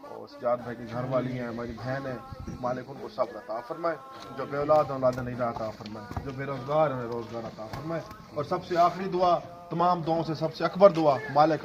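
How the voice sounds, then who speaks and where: Male preacher, impassioned sermon and chanted prayer; dull lo-fi recording. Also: medium pitch. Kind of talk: sermon with devotional storytelling and prayer. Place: religious gathering in a home.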